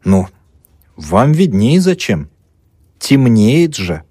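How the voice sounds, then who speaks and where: A man reading an audiobook who voices a practical young village woman, speaking bluntly and slowly with stern insistence. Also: mid-range voice, big pitch swings, dark tone, breathy edge, no echo, clean studio sound, pitched above the performer's own voice, full character voice. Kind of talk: audiobook character voice.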